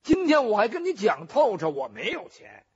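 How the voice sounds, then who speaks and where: A man's voice: high voice, huge pitch swings, moderate pace, slightly rough, exaggerated voice. A male storyteller voicing a brash, swaggering bandit hero who blusters and gives orders, in a traditional storytelling performance. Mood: defiant. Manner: blustering, defiant, bossy. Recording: dull lo-fi recording.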